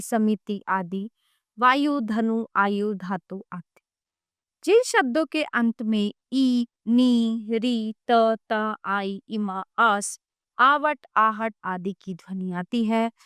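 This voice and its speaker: A woman narrating a grammar textbook in a slow, measured reading, listing example words one at a time. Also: a little high, fairly bright tone, clean tone, no room sound, studio quality. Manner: reads word lists one by one, measured.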